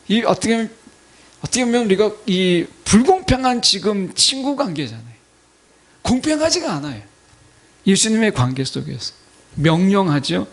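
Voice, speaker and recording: A husky man in his fifties preaches in a high voice whose pitch swings widely. He keeps putting rhetorical questions to his congregation. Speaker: pastor. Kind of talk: sermon. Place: church sanctuary.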